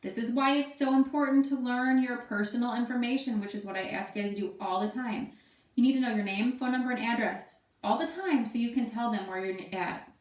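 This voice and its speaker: Woman teacher in her thirties, relaxed chatty delivery, distant echoey home recording. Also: on the high side, a little fast. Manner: casual, chatty, thinks aloud with fillers. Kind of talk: remote class lesson. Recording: echoey room, voice away from mic.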